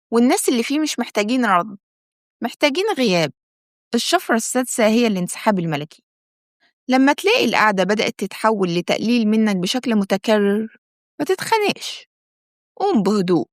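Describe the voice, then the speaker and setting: A woman with an Egyptian accent, reading a scripted self-help talk in a calm, measured way and speaking straight to the listener. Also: a little high, no room sound, clean studio sound. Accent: Egyptian Arabic. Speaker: self-help channel host. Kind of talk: scripted motivational narration.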